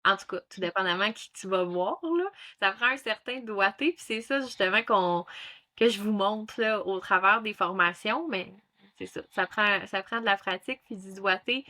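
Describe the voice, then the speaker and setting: A woman in her thirties from Quebec, who works as a ThetaHealing instructor, speaks as a casual interview guest in a Québécois accent, with plenty of fillers and restarts. Her medium-pitched voice moves at a normal speed and has a sharp tone.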